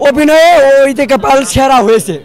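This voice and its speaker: Outside a cinema hall, a moviegoer with a Bangladeshi Bengali accent gives an excited street vox pop, repeating himself emphatically with a fan's enthusiasm. His voice is very high-pitched and a little fast, while a crowd chatters around him.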